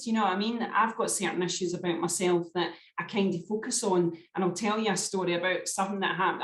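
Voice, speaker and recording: A woman in her forties, a skincare expert guest on a podcast, telling stories in a chatty way and often checking that she is understood. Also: lowish voice. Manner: chatty storyteller, often asks "do you know what I mean". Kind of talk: casual podcast chat. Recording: roomy echo.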